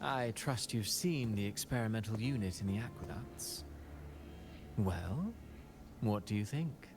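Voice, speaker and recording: Smooth, courtly, scheming game villain. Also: male voice, fairly low pitch, lively intonation, unhurried. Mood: smooth, pleased. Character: suave scheming villain, cold calculating male conspirator. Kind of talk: scripted video game dialogue. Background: game music.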